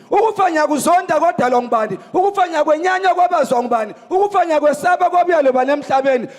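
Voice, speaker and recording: A man reciting praise poetry in a forceful, declaiming manner, calling out lines in bursts. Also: extremely high pitch. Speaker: praise poet. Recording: echoey hall.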